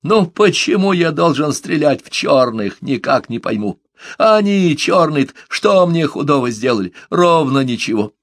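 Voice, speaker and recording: A man's voice: on the high side, very animated, normal speed, no room sound, clean studio sound, pitched above the performer's own voice. A man voicing a fretful, rambling old man with a quavering, plaintive voice in an audiobook. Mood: agitated.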